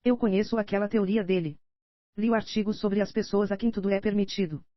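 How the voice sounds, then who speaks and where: A woman's voice: mid-range voice, fairly even intonation, fairly quick, no echo, lightly acted. A Brazilian woman voicing a scheming older nobleman in an audiobook, read steadily in her own voice, slightly dull and dry. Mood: pleading, insistent. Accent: Brazilian Portuguese.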